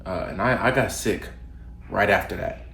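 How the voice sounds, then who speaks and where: Recorded in a roomy home space with faint ambience and a touch of hiss, a young fitness vlogger offers casual advice to camera. His voice is deep with vocal fry, at normal speed, and slightly stuffy from a cold. He stays relaxed, stumbling through plenty of ums and restarts.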